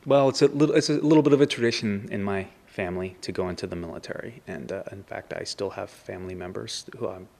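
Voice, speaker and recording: Veteran guy, really deep voice, thinking out loud slowly. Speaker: military veteran, student. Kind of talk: recorded student testimonial.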